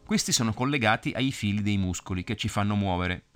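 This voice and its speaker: A man reading a children's story aloud, explaining things gently as if talking to a child. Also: on the low side, fairly quick, soft background music.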